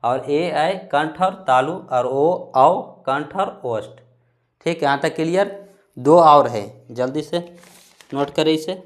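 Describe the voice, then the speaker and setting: A man's voice: a little high, takes it slowly. A male teacher with a Bihari Hindi accent giving a grammar lesson, drawing out syllables to demonstrate them and answering his own questions.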